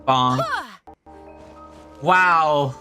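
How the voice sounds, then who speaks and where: Talking extremely slowly in a medium-pitched voice, a game streamer gives loose, chatty commentary as they play. Restarts and little exclamations pop up, all against loud game music and sound effects.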